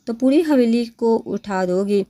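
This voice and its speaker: A woman's voice: a little high, expressive, warm tone, dry recording, lightly acted. A woman reading the stern, reproachful lines of a sulking young husband in an audio novel.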